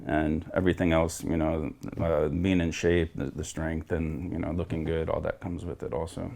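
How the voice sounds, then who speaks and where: A Floridian man in his forties offers an honest testimonial about being coached, delivered on a video call in a very deep, gravelly, slightly mellow voice with little pitch movement. He talks at a moderate pace, earnestly and reflectively, though he rambles and restarts.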